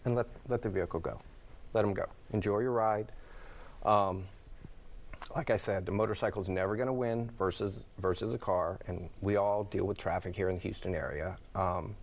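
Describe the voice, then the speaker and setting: A man speaking as an expert guest in an interview, giving advice in a measured, halting way. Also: fairly low pitch. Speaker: motorcycle safety advocate guest. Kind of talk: interview commentary.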